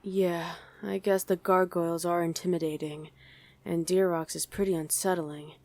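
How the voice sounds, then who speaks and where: A woman with a fairly low, darkish voice and little pitch movement plays a wry, easily irritated female demon on mortal-hunting duty in a conversational ASMR roleplay. At a moderate pace and in a casual, curious mood, she chats and bickers with an unheard partner, lightly acted and recorded dry.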